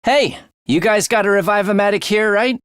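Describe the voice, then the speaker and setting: Voicing a morbid, playful young assassin for an English-language video game, this actor has a high-pitched, slightly bright voice at normal speed. The recording is dry and studio quality, and his teasing, breezy slang shifts into something breathy and theatrical.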